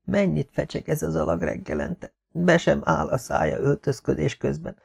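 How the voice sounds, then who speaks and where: A man's voice: a little high, wildly swooping pitch, creaky, husky, voice pushed up, exaggerated voice. A man playing a hearty, teasing baron. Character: cheerful, lively young baron husband.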